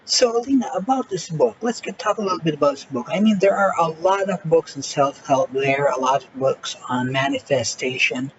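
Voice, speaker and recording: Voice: mid-range voice, expressive, a little fast, hardly any pauses. An interviewer asking questions in a casual, hesitant way. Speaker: interviewer host. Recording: lo-fi audio with clear background noise.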